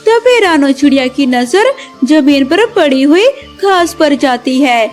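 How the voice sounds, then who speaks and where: Woman storyteller, high voice, slow and deliberate, faint music behind. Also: lively intonation. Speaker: narrator. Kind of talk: scripted storytelling narration.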